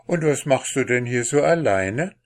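A man's voice: mid-range voice, lively intonation, a little slow, pitched above the performer's own voice. A man voicing a shy, unlucky young man in a fairy tale, speaking timidly and pleadingly.

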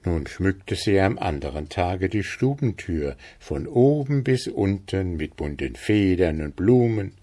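Guy reading a fairy tale, low voice, real slow and calm. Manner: calm, measured storytelling. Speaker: narrator.

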